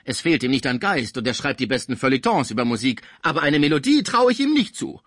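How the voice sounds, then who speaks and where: A man's voice: mid-range voice, big pitch swings, quick pace, fairly bright tone, dry recording, studio quality, voice pushed up. A man reading an audiobook, voicing a bedridden old musician who bursts out in agitated, outraged complaints. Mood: furious. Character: sick old male musician, bedridden, frantic and bitter. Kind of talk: audiobook character voice.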